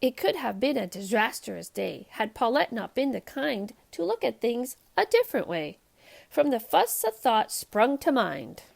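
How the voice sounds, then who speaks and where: Reading a storybook to young listeners on her read-aloud show for kids, a woman speaks in an expressive, emphatic way. Her pitch sits on the high side, she keeps a measured pace, and there's some vocal fry.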